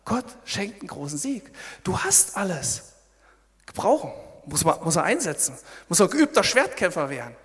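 Guy preaching a sermon, high voice, jumps all over, echoey hall. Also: moderate pace. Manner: lively, emphatic, swings from loud exclamations to quiet asides.

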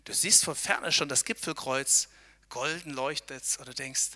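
A man's voice: medium pitch, unhurried, sharp tone, in a large hall. A man giving an earnest devotional talk outdoors on a mountain trail. He speaks straight to his listeners and keeps checking in with short tag questions. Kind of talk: devotional talk while hiking.

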